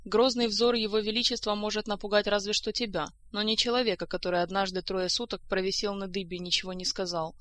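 A woman's voice: mid-range voice, steady tone, quick pace, few pauses, fairly bright tone. Woman reading a novel aloud. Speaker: audiobook narrator.

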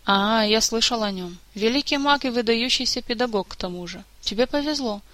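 A woman's voice: on the high side, fairly quick, a bit bright, no echo, natural voice. A woman voicing a cheerful, teasing adult male elf who chats with easy mockery. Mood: easygoing. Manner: playful, mildly mocking.

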